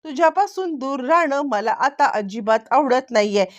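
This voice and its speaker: A young man fussing over his beloved in a doting voice, as a woman storyteller puts him on. He sounds pleading and attentive. The voice sits high. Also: animated, normal speed. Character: young man, devoted suitor.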